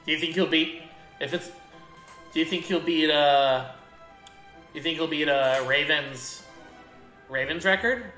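A man's voice: fairly high pitch, a little slow, pauses often, bright, forceful tone. A man chatting casually while he plays a video game, telling rambling stories with many restarts. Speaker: gaming streamer. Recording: echoey room with faint game music.

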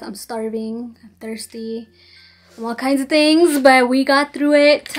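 A young woman with a fairly high voice chats her way through a makeup tour, full of fillers and friendly asides to her viewers. The home video has clear background noise under her voice. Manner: chatty, frequent "like" and "you guys". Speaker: beauty vlogger. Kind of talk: casual vanity tour vlog.

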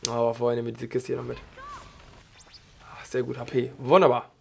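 A slightly hoarse man giving casual, slangy let's play commentary while he plays, chatting loosely between moves. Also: medium pitch, flat delivery, a little fast, a little mellow, a little hiss or hum. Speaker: gaming channel host.

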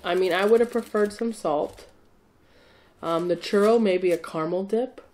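A woman's voice: medium pitch, moderate pace, darkish tone. A woman hosting a food review show in an upbeat, chatty casual way. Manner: upbeat, chatty, talks over her co-host. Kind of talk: casual chat.

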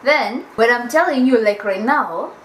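Woman, higher voice, lively pitch, insistent teasing chat, echoey room. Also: unhurried, a little hiss or hum. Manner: insistent, teasing, laughs often. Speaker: vlog co-host. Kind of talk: casual chat.

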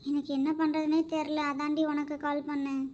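A woman's voice: high voice, level tone, a little fast, a little mellow, close to an everyday voice. A woman voicing an anxious wife and mother in a homemade cartoon, pleading and soothing. The recording is dull and lo-fi. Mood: worried.

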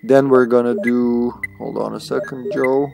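Over background music, a Serbian-born game streamer talks with chat in a relaxed, playful way, throwing in swear words. Serbian is his first language. His mid-range voice is gravelly and unhurried, with little movement in pitch.

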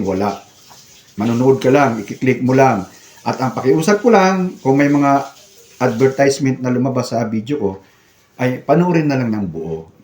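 Older male vlogger, missing-front-teeth speech, mid-pitched voice, casual and emphatic, echoey room recording. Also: darkish tone. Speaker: vlogger, retired security guard. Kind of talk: casual vlog chat.

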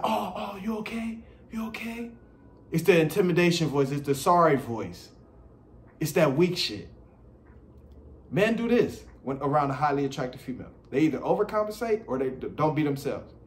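A man, giving blunt dating advice in a casual monologue full of slang and repetition. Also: a little high. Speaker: dating commentator.

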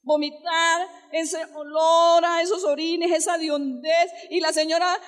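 A woman's voice: very high voice, little pitch movement, unhurried. A woman pastor preaching a sermon, telling stories and asking the congregation questions, rising to fervent exclamations. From Colombia. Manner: asks the congregation direct questions.

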